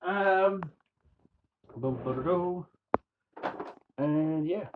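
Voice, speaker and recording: A man's voice: fairly high pitch, very slow. A man in casual home cooking chat in a kitchen, talking in an easygoing, rambling way with many fillers and restarts. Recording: dull home video with faint noise.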